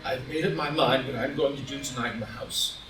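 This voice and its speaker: Speaking at a brisk pace in a natural, medium-pitched voice, a man performs a proud statesman tormented by shame during a live, in-person play reading. His declamatory, melodramatic delivery carries anguish and despair. The indoor reading is staged as audio drama and recorded from a distant mic in a roomy space, with music playing.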